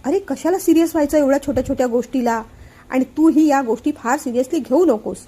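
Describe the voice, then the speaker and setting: A woman's voice: sits high, fast, dark tone, lightly acted. A woman voicing a stubborn elderly mother who jokes away her illness, in a family storybook reading. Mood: stubborn, teasing. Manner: teasing, firm.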